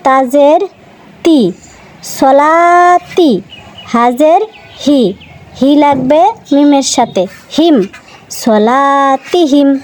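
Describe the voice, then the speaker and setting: A woman teaching Quran reading to children in a slow, patient lesson, spelling out each letter and vowel mark, then repeating the syllable. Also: sits high, mellow, poor audio. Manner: asks the listeners questions and answers them herself.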